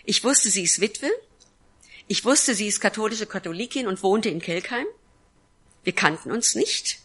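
A woman's voice: mid-range voice, moderate pace, fairly bright tone, husky. A woman pastor giving an earnest sermon testimony, telling her story and acting out the lines of the people in it. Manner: earnest storytelling with acted-out quotes.

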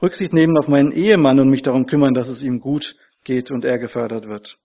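A man's voice: medium pitch, fairly even intonation, fast, muffled recording. A man preaching a sermon to his congregation, earnest and repeating key phrases for emphasis.

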